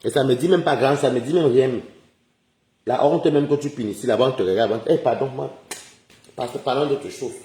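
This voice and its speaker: On a casual live stream, a man rants indignantly, firing off rhetorical questions and chuckling often. His voice is medium-pitched, brisk, and dark, in a roomy, echoey recording.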